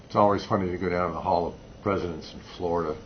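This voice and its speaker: Deep-voiced male interviewer, casual. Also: fairly even intonation, quick pace. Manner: brief comments and agreeable interjections. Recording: dull, slightly noisy recording.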